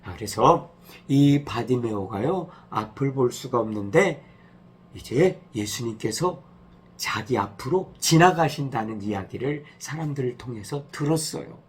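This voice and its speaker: Brief: male pastor, children's sermon, husky, lively pitch, gentle storyteller.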